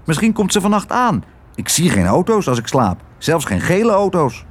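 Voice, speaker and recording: A man's voice: fairly high pitch, very animated, normal speed, pitched above the performer's own voice. A man voicing a cheeky, bossy male crow from a storybook, brusque and given to cawing outbursts. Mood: scoffing.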